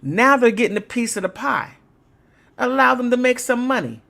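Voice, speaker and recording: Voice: mid-range voice, animated, moderate pace, vocal fry, bright, forceful tone. A livestream host giving rambling, emphatic political commentary in a casual way, sometimes laughing mid-sentence.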